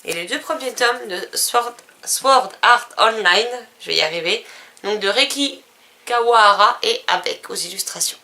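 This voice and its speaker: A woman's voice: mid-range voice, lively intonation, moderate pace, bright, forceful tone. A woman vlogger casually listing books and publishers, with fillers and self-corrections. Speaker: book vlogger. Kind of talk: casual book haul vlog.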